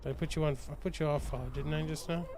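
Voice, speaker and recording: A man's voice: fairly high pitch, steady tone, very fast, gravelly, background noise. A man hosting a gaming channel, chatting casually with teammates as he plays, laughing often and restarting his sentences. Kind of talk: casual let's-play chat with teammates.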